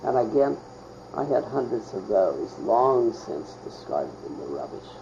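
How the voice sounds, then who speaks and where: An older man from Pittsburgh reminiscing in an interview, halting and searching for words with many pauses. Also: lowish voice, big pitch swings, background noise. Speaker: oral history interviewee. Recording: muffled, with loud crickets behind.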